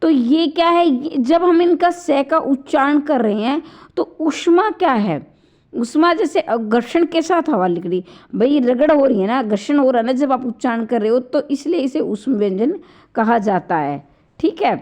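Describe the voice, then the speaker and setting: A woman's voice: sits high, lively intonation, moderate pace, a little mellow. A woman teaching a Hindi grammar lesson online, explaining step by step and saying each sound aloud, with a slightly sore throat. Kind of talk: online exam-prep lecture.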